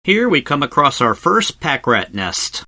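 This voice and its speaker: A man with a bright, crisp-edged voice narrates a travel video in lively, swooping intonation. He explains things conversationally, like an informal guide, and drops in wry asides. The voice-over sounds close and very dry. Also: a little high, measured pace, dry recording. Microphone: close voice-over microphone, recorded separately from the cave.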